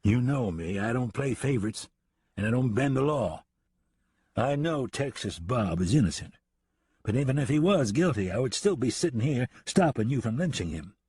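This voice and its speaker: A man voicing a calm, firm ranger facing down a mob, in an audiobook reading. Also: medium pitch, moderate pace, husky, no room sound. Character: calm, steady lawman ranger.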